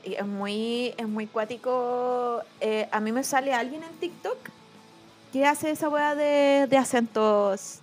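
A woman's voice: on the high side, slow, faint music behind. A young woman with a Chilean accent co-hosting a podcast in slangy casual talk. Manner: slangy, chatty. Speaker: podcast co-host. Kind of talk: casual chat.

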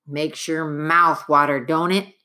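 Woman playing a folksy rough mountain man. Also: sits low, level tone, slow, bright, forceful tone, heavily acted. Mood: hearty. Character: rough hearty male frontier mountain man.

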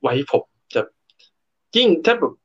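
A man speaks slowly over lo-fi sound, giving a casual talk on workplace motivation as co-host and speaker. He explains things step by step, shares stories from his own working life, and often restarts his words.

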